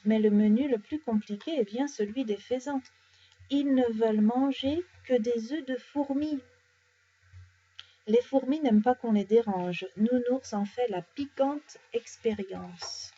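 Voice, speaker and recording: A French-speaking woman reading bedtime stories aloud, animated and changing her voice for each character. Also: a little high, measured pace, breathy edge. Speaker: storyteller. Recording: dull lo-fi recording.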